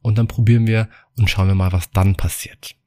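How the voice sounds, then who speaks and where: A man's voice: fairly low pitch, steady tone, brisk, a little mellow, no room sound, studio quality, natural voice. A man voicing a patient doctor who coaxes a panicky friend along. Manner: soothing, coaxing. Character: patient male doctor, calm and humoring.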